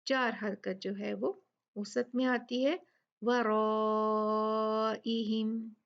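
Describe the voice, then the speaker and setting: A woman teaching Quran recitation rules step by step, patiently explaining and slowly drilling each word. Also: fairly high pitch, creaky, muffled recording. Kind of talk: step-by-step tajweed lesson.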